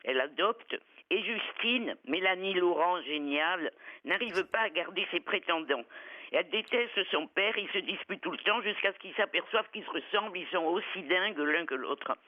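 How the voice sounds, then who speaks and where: A woman's voice: fairly low pitch, expressive, normal speed, no room sound, muffled recording. A woman film critic giving blunt, irreverent reviews on a radio talk show, with salty language.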